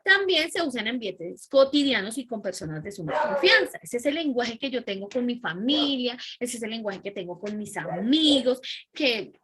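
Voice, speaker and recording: A woman teacher giving an animated class and often checking in with her students. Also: fairly high pitch, normal speed, noisy background. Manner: animated, keeps checking in with "¿sí?" and "¿listo?". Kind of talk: online class lecture.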